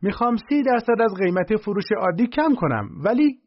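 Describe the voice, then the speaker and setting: A man doing a squeaky, pushy young salesman. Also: sing-song, muffled recording. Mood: eager, pushy. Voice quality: high squeaky voice. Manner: overeager hard-sell pitch. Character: smug young male pen salesman, pushy.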